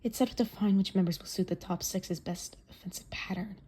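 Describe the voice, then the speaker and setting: A woman voicing a young male football player's inner thoughts in a hushed, tense whisper. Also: medium pitch, slow pace, slightly rough.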